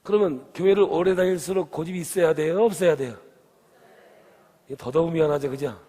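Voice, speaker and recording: Speaking fairly quickly in a warm, rather high voice, a Gyeongsang-accented Korean pastor delivers a sermon. He puts questions to the congregation and presses them to answer, all under a long hall reverb.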